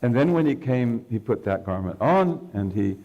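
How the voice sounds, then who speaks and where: A man's voice: mid-range voice, lively intonation, moderate pace, muffled recording. A man giving a religious lecture, telling stories and checking in with the audience with a conversational "okay". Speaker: Islamic scholar lecturing.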